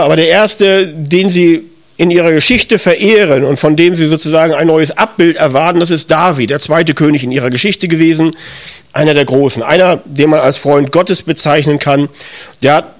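A middle-aged man preaching a sermon and reading a psalm aloud, talking conversationally and turning often to his listeners with direct questions. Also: fairly high pitch. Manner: conversational, addresses listeners directly, with self-corrections.

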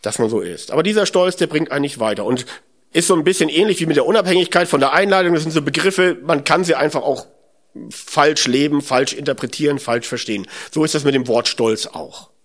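A man's voice: on the high side, brisk, fairly bright tone. A man giving a spoken sermon in a conversational way, musing aloud, asking rhetorical questions and often adding "ne?". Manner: conversational, often adds tag "ne?".

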